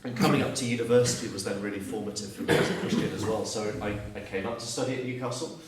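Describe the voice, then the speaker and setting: This Surrey man in his thirties, a guest speaker with a Southern English accent from southeast England, speaks quickly in a low register. His earnest, thoughtful testimony is full of restarted sentences, captured from a distance in a very echoey space over a noisy crowd.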